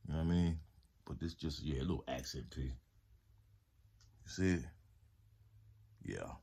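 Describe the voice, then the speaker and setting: Deep-voiced man in a laid-back haul vlog. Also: husky. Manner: laid-back, slangy, talks straight to viewers. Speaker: vlogger reviewing home products. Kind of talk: casual product haul review.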